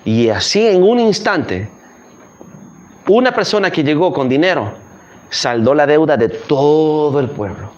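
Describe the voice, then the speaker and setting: A man's voice: on the high side, expressive, measured pace, darkish tone, lo-fi sound. A man preaching a sermon as a missionary, telling a parable and then pressing its lesson with direct questions. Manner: storytelling, then pressing home the point with questions.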